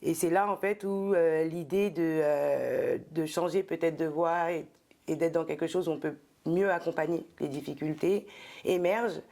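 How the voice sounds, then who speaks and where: A woman's voice: low-pitched, moderate pace, mellow. A middle-aged woman from France, a guest in an interview, talking thoughtfully with many hesitations and fillers. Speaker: guest, entrepreneur and former specialized educator. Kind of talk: casual interview talk.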